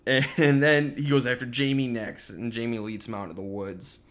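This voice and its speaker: A man's voice: medium pitch, little pitch movement, moderate pace, fairly bright tone. A man co-hosting a podcast, casually recapping a horror film with wry asides. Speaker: podcast co-host. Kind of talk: casual chat.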